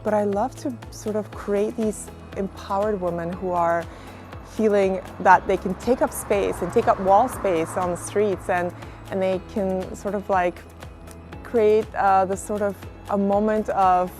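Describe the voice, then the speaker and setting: Reflective woman artist over soft music. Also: mid-range voice, steady tone, a little slow. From Kazakhstan. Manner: reflective, many fillers like "sort of" and "like". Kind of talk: interview monologue.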